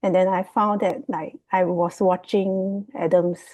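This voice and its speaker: A guest on a remote video call, this property investment student from Singapore has a Singaporean accent and presents casually without a script, hesitantly and in loose phrasing. She speaks at a measured pace in a lowish, dark voice with little pitch movement, and there's no echo.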